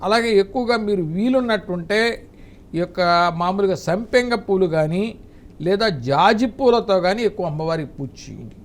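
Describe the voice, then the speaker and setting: A man's voice: high-pitched, lively intonation, normal speed. A middle-aged man, an astrologer, giving fatherly advice to callers on a call-in show. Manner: fatherly, calls callers dear, recites hymns.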